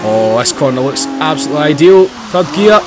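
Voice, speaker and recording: A Scottish man hosting his channel, giving casual commentary on a driving game, excitable and swearing freely. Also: on the high side, a little fast, over music. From Scotland. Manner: excitable, swears freely, loud outbursts and laughs while driving. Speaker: gaming channel host. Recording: loud game engine and tire noise behind voice. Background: racing game car engines and tire squeal.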